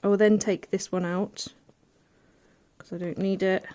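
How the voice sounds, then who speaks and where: A woman giving a casual hands-on sewing demonstration, chatty and thinking aloud as she pins fabric, with soft asides. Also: medium pitch, flat delivery, a little slow. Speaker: quilting tutor.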